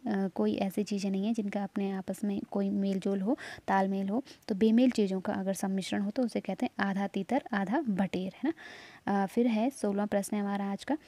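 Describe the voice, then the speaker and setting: Mellow-voiced woman teaching exam prep. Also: medium pitch, dry recording. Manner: patient, explains step by step with tag questions. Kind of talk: explanatory lesson talk.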